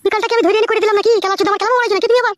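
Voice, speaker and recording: A sharp-tongued young cartoon wife, squeaking in an extremely high pitch. She rattles off her scolding at breakneck speed. Faint clicks sit behind the voice. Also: fairly even intonation, racing, background noise. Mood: nagging. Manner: scolding, bickering. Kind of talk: comic cartoon dubbing.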